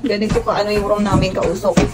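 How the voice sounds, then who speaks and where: Over loud music, a woman with a Filipino accent talks fast in a mid-range, flat voice. She's vlogging casually on a handheld phone in and just outside her home, scared and shaken and exclaiming a lot, and the recording is noisy.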